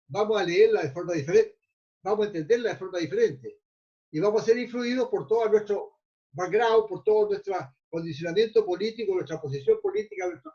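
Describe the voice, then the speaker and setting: The speaker is a mindfulness teacher, male, with a rather high and slightly mellow voice, lecturing a class in a loose, wandering way. He trips over repeated words as he hunts for the next phrase, and the sound is muffled and lo-fi.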